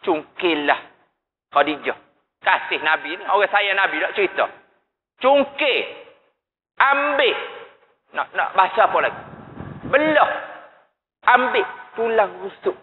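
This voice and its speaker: A man's voice: high voice, animated, measured pace, long pauses. Male mosque preacher; emotive storytelling, roomy echoey hall. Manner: emotive storytelling, rhetorical questions to the congregation. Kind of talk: evening sermon with Quran recitation. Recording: echoey mosque hall over tinny lo-fi sound.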